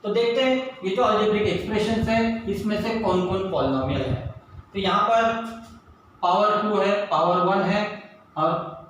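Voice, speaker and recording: A man teaching a maths lesson, slowly asking his class questions and answering them himself. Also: high voice, fairly bright tone. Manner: slow, stretches English terms, asks and answers own questions. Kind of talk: blackboard maths lesson, Hindi mixed with English. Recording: echoey room, mic far off, faint noise.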